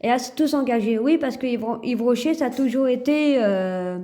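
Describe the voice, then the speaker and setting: A woman's voice: a little high, normal speed, mellow. Hesitant French woman vlogging. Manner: hesitant, many fillers and restarts. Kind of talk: casual chat to camera. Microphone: phone camera.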